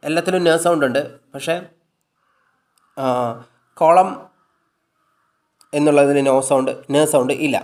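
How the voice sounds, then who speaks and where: A man with a Malayali accent teaching English. He reads word lists slowly, repeats them, explains each in his own language, and fixes his own slips as he goes. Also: a little high. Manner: corrects his own slips mid-sentence.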